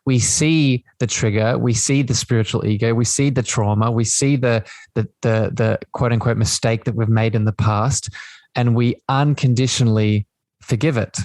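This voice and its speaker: A man hosts a spiritual podcast in a mid-range, steady, darkish voice at normal speed, with no room sound. He talks reflectively and keeps checking in with listeners by tagging his thoughts with "right?".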